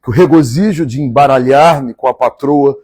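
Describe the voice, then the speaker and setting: A man from Minas Gerais with a Mineiro Brazilian accent, reading a novel aloud on a live stream and pausing for chatty asides. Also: mid-range voice, darkish tone, breathy edge, dry recording, studio quality. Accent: Mineiro Brazilian Portuguese. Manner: measured, repeats favorite lines and chats between passages.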